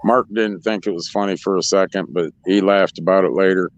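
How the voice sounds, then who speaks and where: A man with a lowish voice chats casually as a racetrack co-host, laughing as he goes and stumbling through restarts. The recording is dull and lo-fi, with the top end rolled off. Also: fairly even intonation, brisk. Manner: laughs often, rambling with restarts. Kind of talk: casual chat. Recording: dull lo-fi sound.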